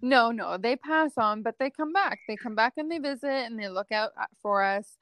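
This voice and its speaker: A young adult woman, a psychic medium guest, chatting casually and acting out the dialogue in her stories with lively energy. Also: fairly high pitch, normal speed, dry recording. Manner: lively, acts out quoted dialogue. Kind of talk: casual storytelling chat.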